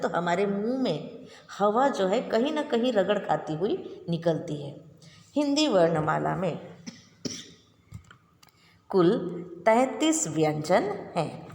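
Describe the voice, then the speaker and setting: A woman teaching a Hindi grammar lesson to schoolchildren, who explains slowly and patiently and repeats each definition twice. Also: medium pitch, a little mellow. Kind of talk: recorded classroom lesson for children. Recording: echoey room, long reverb, faint noise.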